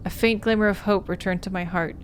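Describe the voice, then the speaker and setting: Playing through a visual novel on a livestream, this woman streamer reads and discusses it expressively, like telling a story. Her pitch is medium and her pace fairly quick, over slight background noise.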